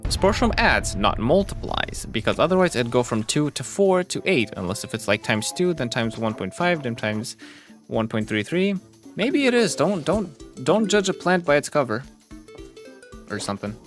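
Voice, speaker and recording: A man's voice: medium pitch, big pitch swings, moderate pace, faint music behind. A man hosting a gaming video with casual, rambling commentary, joking and mocking himself as he goes.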